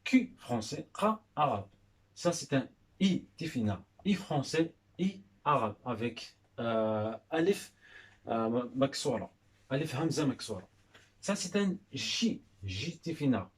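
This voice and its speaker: A man's voice: mid-range voice, big pitch swings, takes it slowly. A man giving a language lesson, patiently naming and repeating each letter's sound. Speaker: teacher. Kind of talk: slow spoken language lesson.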